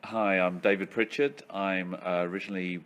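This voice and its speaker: A man's voice: deep voice, fairly even intonation, moderate pace, a bit bright. A man from southeast London, speaking hesitantly and restarting phrases. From southeast London, England.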